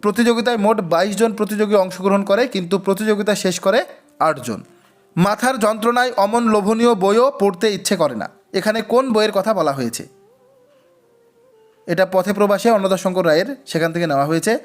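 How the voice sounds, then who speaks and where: A brisk, high-voiced man from West Bengal teaches an exam-prep quiz lesson. He reads each question twice, then gives the answer and explains it.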